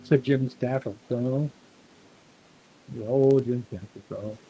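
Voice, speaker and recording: A man's voice: medium pitch, slow pace. A man playing guitar who chats loosely between songs, thinking aloud about what to play next. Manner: relaxed, rambling, thinking aloud. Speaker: singer-guitarist. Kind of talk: casual talk between songs.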